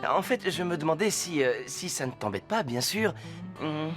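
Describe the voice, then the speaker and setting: Shy soft cartoon teen boy, kinda halting, music in the back, voiced by an actor. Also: mid-range voice, lively intonation, lightly acted. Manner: hesitant, halting. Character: gentle shy teenage boy. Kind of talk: French cartoon dub.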